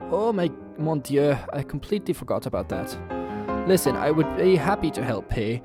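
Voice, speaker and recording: A man's voice: very animated, normal speed, over music. A man voicing an eccentric, scheming male inventor in a put-on German accent, raised and theatrical. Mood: pleading. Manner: theatrical, higher than his own voice. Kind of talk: reading game dialogue aloud.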